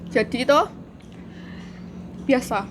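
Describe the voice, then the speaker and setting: A woman with a fairly high voice co-hosts a ghost-story chat, telling a spooky tale slowly and casually. She giggles and laughs her way through it over a noisy background.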